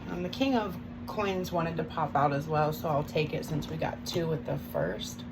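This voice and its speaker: A woman's voice: deep voice, normal speed. A woman chewing gum while she gives a casual, hesitant, rambling spiritual talk as a tarot reader. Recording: loud background noise.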